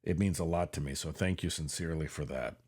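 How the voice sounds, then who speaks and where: Earnest low-voiced man, confessional podcast. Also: a little mellow, breathy edge. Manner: earnest and confessional, slowing on key phrases. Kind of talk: reflective personal monologue. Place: home podcast studio. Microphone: studio mic with headphones.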